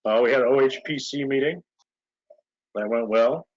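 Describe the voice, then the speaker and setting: A man's voice: mid-range voice, normal speed, dry recording. A man chairing a village board meeting over a video call, talking casually with lots of fillers. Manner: relaxed, rambling with many fillers. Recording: muffled lo-fi video call audio.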